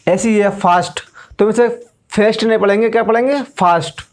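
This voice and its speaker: A man's voice: sits high, fairly even intonation, fast, a little mellow. A male English teacher, giving a classroom lesson and explaining step by step, asking questions and then answering them himself.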